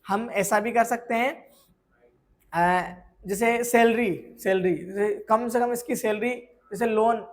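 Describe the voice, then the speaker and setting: A man teaching a software course, explaining with everyday examples and often asking whether students have understood. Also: sits high, fairly even intonation, takes it slowly. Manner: keeps checking if students follow; asks rhetorical questions and answers them. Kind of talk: screen tutorial lesson.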